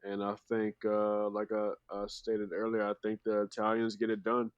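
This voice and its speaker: A man giving soccer predictions on a podcast, hesitant and measured. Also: on the low side, completely flat delivery, clean tone, dry recording, muffled recording. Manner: hesitant, measured, full of fillers. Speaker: podcast guest pundit. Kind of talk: casual chat.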